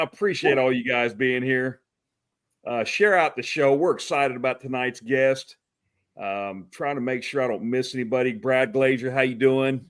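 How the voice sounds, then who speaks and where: A man's voice: mid-range voice, fairly bright tone, smooth. A man from Texas hosting a casual livestream talk show, greeting viewers by name, often calling them brother and chuckling. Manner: friendly, calls people brother, chuckles often.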